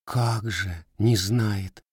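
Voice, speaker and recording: A man's voice: fairly low pitch, expressive, unhurried, darkish tone, husky, dry recording, clean studio sound, pitched above the performer's own voice. A man voicing a sly, teasing young Cossack widow in a storybook reading, raising his voice for her. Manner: slightly raised, teasing folk speech.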